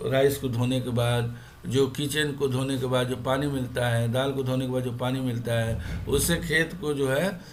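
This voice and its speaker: A male teacher explaining a school lesson in Hindi, mixing in English terms and pausing to restart his sentences. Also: medium pitch, fairly even intonation, a little hiss or hum.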